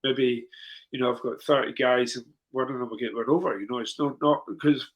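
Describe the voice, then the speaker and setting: Middle aged guy chatting as a guest, storytelling, voice jumps way up when he gets worked up, normal pitch otherwise. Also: fairly quick, highs cut off. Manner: animated, jumps in pitch when excited, calm quoted asides. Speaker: guest on a cue sports talk show. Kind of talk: conversational storytelling.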